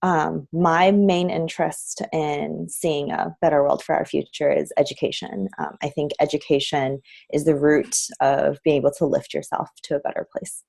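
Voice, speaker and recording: A woman's voice: low voice, little pitch movement, normal speed, creaky, few pauses, a little mellow, dry recording. A young woman working in finance, introducing herself on a panel with many ums and uhs. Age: young adult.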